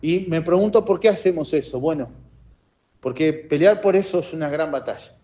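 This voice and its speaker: Impassioned high-voiced pastor. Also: male voice, moderate pace. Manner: impassioned preaching, swings between loud and soft. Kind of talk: sermon. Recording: dull lo-fi sound.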